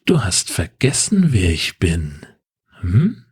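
Slimy tentacle monster in an audio horror story, hissing and drawn-out, raspy, pitch swooping up and down, as a male narrator puts him on. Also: sing-song, heavily acted. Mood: mocking. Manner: slow hissing whisper, taunting.

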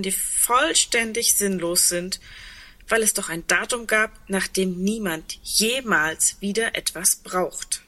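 In an intimate radio play, an actress portrays a lonely, sardonic woman waiting for the end of the world. Her lowish voice is bright and forceful yet breathy, with a reflective, wry, puzzled mood.

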